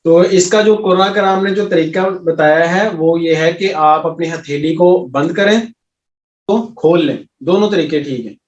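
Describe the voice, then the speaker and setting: A male teacher with a fairly high voice runs a class, patiently drawing out each sound and checking that students follow. He sounds far off in an echoey classroom, and the recording is dull. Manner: patient, repeats sounds slowly and asks the class questions. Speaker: Arabic and Quran recitation teacher.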